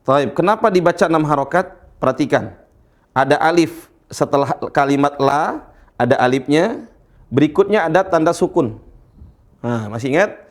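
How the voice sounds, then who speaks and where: A man teaching Quran recitation in a slow lesson, patiently repeating letters and checking that his students follow. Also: a little high, expressive. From Indonesia.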